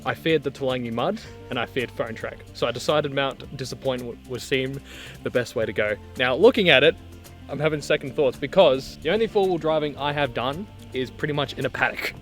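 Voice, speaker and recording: A man's voice: mid-range voice, fairly quick, a bit bright, faint music behind. A young Australian man chatting casually to camera outdoors. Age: young adult. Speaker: novice off-road driver being interviewed. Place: outdoors on a forest track.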